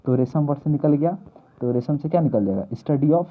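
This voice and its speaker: A man with a fairly high, expressive voice that runs a little fast teaches mnemonics for exam prep. He repeats key words and poses questions he then answers himself, heard through tinny, phone-like lo-fi audio.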